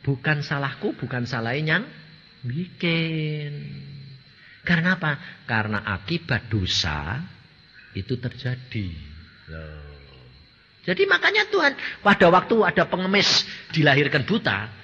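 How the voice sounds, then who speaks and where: An older man with a Javanese accent preaches with animated, swooping delivery, forever tossing questions at his listeners. His voice is bright and a little husky. It comes through a dull, lo-fi recording that rings with long hall reverb. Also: fairly high pitch, a little slow, a little hiss or hum. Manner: animated, teasing, asks the congregation questions. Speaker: evangelist preacher. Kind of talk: sermon.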